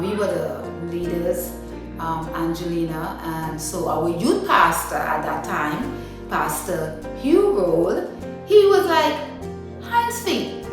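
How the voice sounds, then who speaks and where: A woman from Guyana, answering interview questions about her dance ministry in a chatty way, with many "you know" fillers. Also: on the low side. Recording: echoey room, mic at a distance, music underneath.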